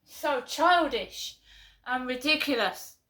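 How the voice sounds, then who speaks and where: A woman's voice: high voice, expressive, slow, fairly bright tone. A woman with a London accent venting to camera in a casual vlog, exasperated and repeating herself in short bursts. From London, England. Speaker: vlogger.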